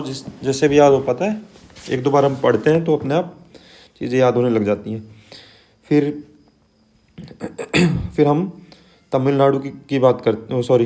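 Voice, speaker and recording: A man with a mellow, relaxed voice gives an exam-prep lesson. He talks in a loose, chatty way, checking in with his listeners, and reads long lists of names slowly, one item at a time. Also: medium pitch. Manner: conversational, frequent "है ना" and "ठीक है" tags. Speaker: teacher.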